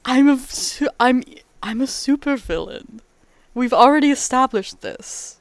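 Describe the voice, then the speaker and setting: A woman's voice: high voice, animated, unhurried. A woman voicing a smug young supervillain in a teasing, mock-aggrieved way, close to her own voice.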